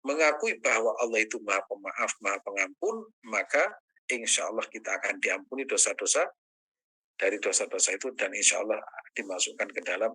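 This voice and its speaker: A man teaching as an ustaz in a religious study session, answering questions, quoting Arabic prayers and rising high in pitch when stressing a point. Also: lively intonation, fairly quick, bright, forceful tone, slightly rough, rough recording.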